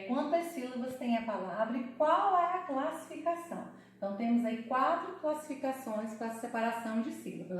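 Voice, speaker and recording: A woman teaching a Portuguese lesson for children, sounding out words slowly syllable by syllable. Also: on the high side, very echoey, distant mic. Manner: slow, syllable-by-syllable explaining.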